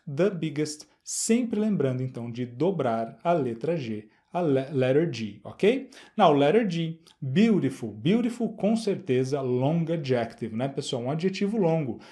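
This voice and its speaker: Explaining an English grammar exercise, this middle-aged teacher slowly repeats words and checks in with the class. He has a Brazilian Portuguese accent and a dark-toned voice that sits on the high side.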